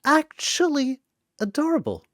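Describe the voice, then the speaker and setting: Narrator playing Astarion, arch high drawling rogue. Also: huge pitch swings, a little slow, fairly bright tone, no room sound, studio quality, exaggerated voice. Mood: amused, flirtatious.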